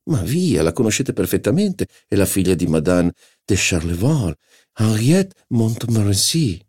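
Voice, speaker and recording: A man reading an audiobook, voicing a stern, pedantic aristocratic duke who speaks in a measured, lecturing way. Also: lowish voice, sing-song, a little mellow, slightly rough, no room sound, clean studio sound, voice pushed up, exaggerated voice. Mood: reproachful.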